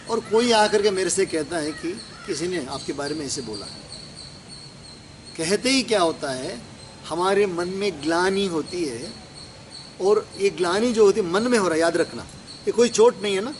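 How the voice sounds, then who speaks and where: A man giving a religious discourse, explaining scripture verses line by line and asking and answering his own questions. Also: high-pitched. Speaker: spiritual teacher. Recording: clear background noise with crickets.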